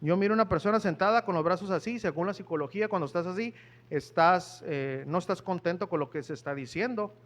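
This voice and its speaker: Guy preaching in church, pretty high voice, keeps asking the crowd if they get it. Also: fast talker. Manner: conversational, asks the congregation questions. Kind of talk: sermon.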